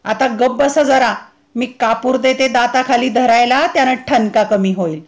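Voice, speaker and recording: A woman's voice: on the high side, normal speed, natural voice. A woman reading aloud the lines of a practical wife scolding her husband. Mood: chiding. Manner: chiding, exasperated.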